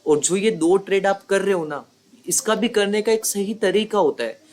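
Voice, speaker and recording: A man with a slightly high voice gives a conversational lesson as a trading mentor. He drives his points home through repetition and quick rhetorical checks. Faint noise hums under the recording. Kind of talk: explanatory lesson.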